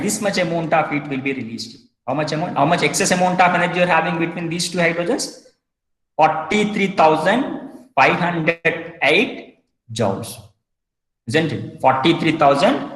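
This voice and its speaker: A man's voice: fairly high pitch, a bit bright. A male chemistry teacher, lecturing and asking himself question after question. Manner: repetitive rhetorical questions, self-answering. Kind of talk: classroom lecture. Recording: echoey hall.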